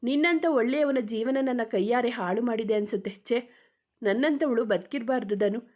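A guilt-ridden young wife from a storybook romance blames herself to her husband, read by a woman. Her speech is emotional and fairly high-pitched. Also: normal speed, a little mellow, natural voice. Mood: remorseful. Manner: self-blaming, emotional.

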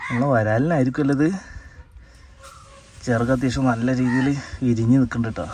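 Fast-talking Kerala man outdoors. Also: medium pitch, steady tone, a little mellow. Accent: Malayalam, Kerala. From Kerala, India. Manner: chatty, explaining to viewers, tag questions. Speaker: fishing vlogger. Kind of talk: casual outdoor commentary. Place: outdoors in paddy fields and a yard. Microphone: phone camera held by the speaker.

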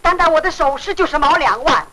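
A woman's voice: high-pitched, expressive, fast talker. An actress playing a quarrelsome, wronged woman tenant who argues shrilly, in 1940s film acting. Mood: accusing. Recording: very hissy old film soundtrack.

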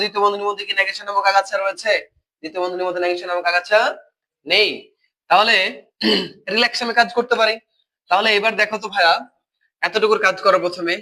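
Give me a bright-voiced Bangladeshi man with a cold, patiently tutoring online and quizzing students. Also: high voice, poor audio. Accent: Bangladeshi Bengali. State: has a cold. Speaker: logic tutor. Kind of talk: live online class explanation.

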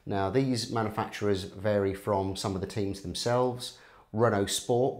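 A middle-aged man, a motorsport technical analyst, explaining engineering to camera in a measured way with frequent "uh" fillers, recorded on a lapel mic in an indoor studio. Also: on the low side.

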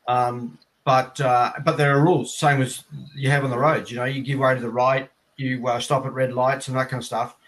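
An Australian man in his fifties, an air traffic controller, is interviewed on a video call from a plain indoor room and explains things conversationally. His medium-pitched, slightly bright voice keeps a level tone and moderate pace with hardly any pauses. The audio quality is poor.

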